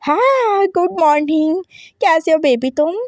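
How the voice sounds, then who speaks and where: A woman's voice: very high-pitched, animated, unhurried, no room sound, clean studio sound. A woman voicing a doting, cheerful old grandfather who greets a grandchild in a fond, cooing way. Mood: affectionate.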